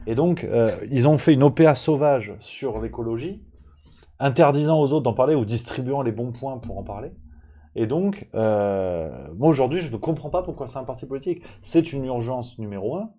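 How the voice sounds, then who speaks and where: A man with a dark, mellow voice rants through a live-stream press review. His talk is casual and sarcastic, full of fillers, restarts and open irritation. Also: mid-range voice. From France. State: annoyed.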